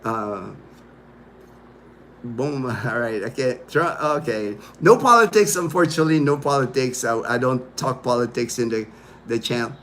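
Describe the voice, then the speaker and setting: A Filipino-born man in his fifties hosts a casual livestream, his mid-range voice expressive and a bit bright at a normal speed, with a little hiss or hum underneath. He rambles loosely with viewers, reading out their comments and filling his talk with fillers and asides.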